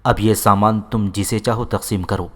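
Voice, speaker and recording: A young warrior son who offers his share to his mother with quiet respect, read by a male audiobook narrator. The voice is low and plain. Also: steady tone, close to an everyday voice. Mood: respectful.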